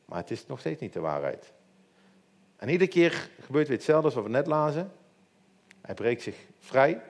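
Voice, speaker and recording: A preacher giving an informal youth sermon, retelling a Bible story with humorous asides. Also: male voice, medium pitch, sing-song, moderate pace.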